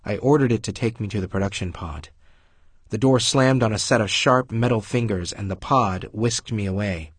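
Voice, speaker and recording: A man's voice: lowish voice, moderate pace, breathy edge, dry recording. A man narrating an audiobook in the first person, with a wry, understated delivery.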